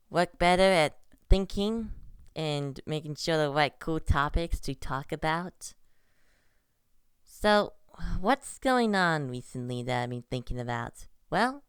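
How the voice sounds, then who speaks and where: A woman's voice: low voice, clear, resonant tone, no room sound, studio quality. A young woman vlogging at home, rambling casually and hesitantly with many restarts. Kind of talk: casual vlog monologue. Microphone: computer recording.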